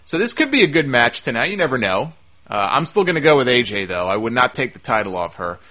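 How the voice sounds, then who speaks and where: A male podcast host with a bright, forceful voice at a middle pitch. He talks through wrestling commentary conversationally and gives firm opinions. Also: very animated, quick pace.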